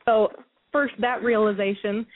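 A woman's voice: medium pitch, steady tone, unhurried. A woman calling in to a radio show over the phone, nervous and emotional, laughing between her thoughts. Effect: caller's voice heard over a phone line. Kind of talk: casual call-in chat. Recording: dry tinny phone line.

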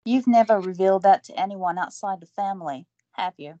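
In an audio drama, an actress lightly plays an earnest young woman who is both a reporter and an army medic, curiously asking questions as an interviewer. Her medium-pitched, mellow voice moves a little fast, and the recording is dry, dull and lo-fi.

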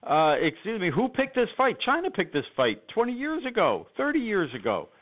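A man's voice: sits high, wildly swooping pitch, normal speed. A man with an emphatic, sarcastic manner and many fillers, talking politics as a guest on a call-in radio show over a phone line.

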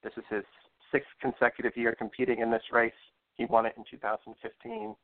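A man speaking as a guest horse racing expert in a measured, hesitant, analytical way on a talk show. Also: mid-range voice, big pitch swings, creaky, dry recording. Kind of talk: live radio-style racing analysis interview. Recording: thin phone-like line.

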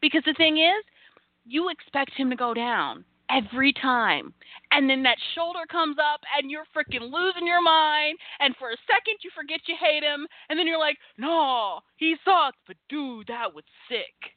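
A woman co-hosting a casual wrestling podcast, animated and sassy, acting out fan reactions. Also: high-pitched, normal speed, dry recording. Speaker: podcast co-host. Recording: thin phone-like line.

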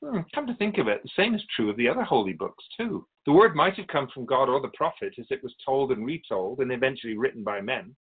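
In scripted radio drama dialogue, a man who is an interviewed guest plays an ancient male spirit, the Keeper of Souls, a wise storytelling teacher. He's patient and instructive, giving measured explanations with pointed asides. His mid-range voice is slightly rough with lively intonation, heard through narrow, tinny audio.

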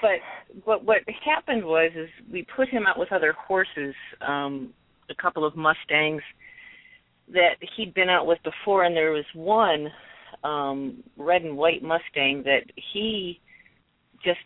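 Radio show caller heard over the phone: halting, full of ums, mid pitch, dry and tinny line. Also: no room sound. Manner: hesitant, many ums and restarts. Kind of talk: casual phone-in chat.

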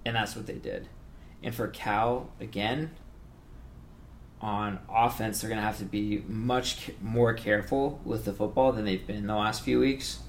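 Low gravelly-voiced male podcast host. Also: a little slow, a little hiss or hum. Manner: self-described monotone, relaxed analytical talk with fillers. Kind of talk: casual sports podcast chat.

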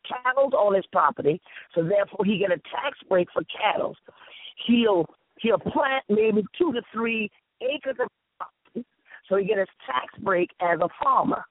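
With a husky voice, lively intonation, and a moderate pace, a woman from the South Carolina Sea Islands tells animated stories in a Lowcountry Gullah Southern American accent. She's an emphatic interview guest who repeats phrases and acts out dialogue, heard over narrow, tinny, phone-like audio without room sound.

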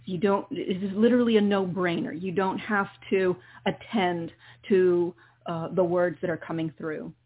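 A woman guiding a meditation session as a healer, speaking in soothing, deliberate phrases with pauses. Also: lowish voice, fairly even intonation, breathy edge. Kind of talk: guided meditation, partly improvised spoken instruction. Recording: muffled, phone-like narrow sound.

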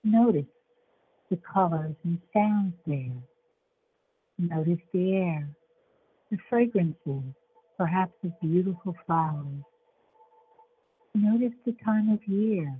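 A woman leading a guided relaxation meditation in a soothing, measured way, with long pauses between short phrases. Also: lowish voice, slightly rough. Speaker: show host and guided imagery facilitator. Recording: dull lo-fi sound with faint background noise.

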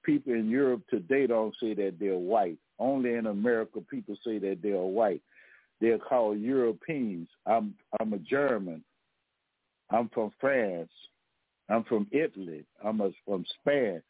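A man hosting a history talk podcast, lecturing in a rambling, halting way with many fillers and restarts, heard over a phone line. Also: lowish voice, slightly rough, dry recording. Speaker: podcast host. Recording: tinny phone line, dry.

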